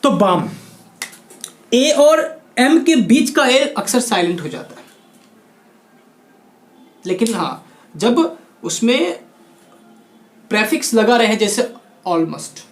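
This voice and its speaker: Male teacher from India, lively question-and-answer delivery, roomy echo. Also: high voice, slow, long pauses. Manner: lively, asks and answers his own questions. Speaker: English teacher. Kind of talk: spoken-English lesson in Hindi. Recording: echoey room.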